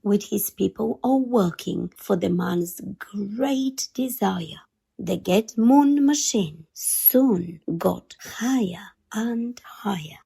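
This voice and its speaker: With a husky, mid-range voice full of vocal fry, a woman performs a children's picture book aloud, storytime-style. She stresses key words with deliberate drama.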